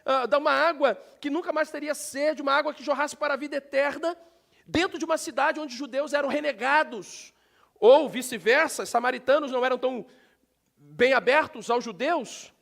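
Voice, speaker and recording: A man with a Brazilian Portuguese accent preaching a sermon in a church, talking directly to the congregation and breaking into sudden loud shouts. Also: very high voice, a little fast, creaky. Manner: animated, talks directly to the congregation. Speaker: pastor. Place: church sanctuary.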